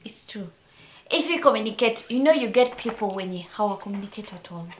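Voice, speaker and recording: A woman's voice: medium pitch, expressive, brisk. A young woman with a Kenyan accent, giggly and drunk, chatting casually and rambling as she repeats her phrases. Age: young adult. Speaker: featured guest. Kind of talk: casual chat. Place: indoors, wood-panelled room. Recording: roomy echo, faint background noise.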